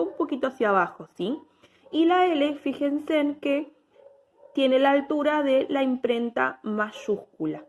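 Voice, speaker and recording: Woman, drawing teacher, patient step-by-step explaining, slightly high voice. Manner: patient, checks in with "¿sí?" after each step.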